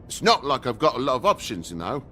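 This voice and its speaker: An actor voicing a grumpy, indignant talking toad with a British accent in a video game, griping and sarcastic. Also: male voice, medium pitch, sing-song, fast talker, bright, forceful tone, slight background noise. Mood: bitter, angry. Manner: griping, sarcastic, foul-mouthed.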